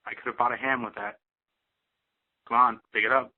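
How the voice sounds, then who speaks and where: A man's voice: mid-range voice, steady tone, a little fast. Caller on a phone-line voicemail: a man, grumbling and insistent, with a thin, tinny sound. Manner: insistent, grumbling, mock-angry. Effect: heard over a landline phone line.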